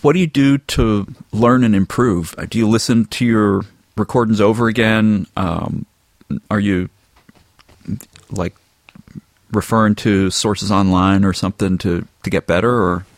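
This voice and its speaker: Low-voiced easygoing podcast host. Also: male voice, fairly even intonation, normal speed, no echo, clean studio sound. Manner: easygoing, asks questions with filler words. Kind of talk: casual interview chat.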